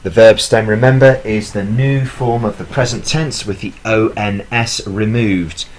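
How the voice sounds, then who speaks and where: Lowish male teacher voice, patient explanatory tone, plenty of fillers. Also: fairly even intonation, measured pace, a little mellow. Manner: explanatory, with fillers and self-corrections. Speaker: language teacher. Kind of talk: recorded language lesson.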